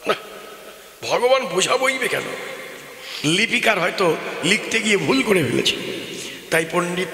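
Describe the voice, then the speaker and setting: A man's voice: sits high, expressive, a little slow, long pauses, bright, forceful tone. A man giving a devotional kirtan sermon, telling a story with emphatic, sing-song delivery that rises and falls. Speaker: kirtan preacher. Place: open-air gathering with loudspeakers. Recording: echoey hall from a PA system.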